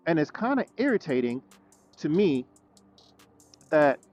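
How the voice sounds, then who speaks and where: A man's voice: fairly high pitch, very animated, unhurried, darkish tone. A man venting in a vlog, indignant, repeating himself and stuttering as he rants about being shut out. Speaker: vlogger. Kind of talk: frustrated talking-head vlog rant.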